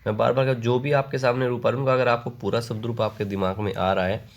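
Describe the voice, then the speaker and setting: A man teaching an online exam-prep lesson, reading out questions and reciting word forms in slow rhythmic lists. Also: medium pitch, level tone, highs cut off. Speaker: Sanskrit exam tutor.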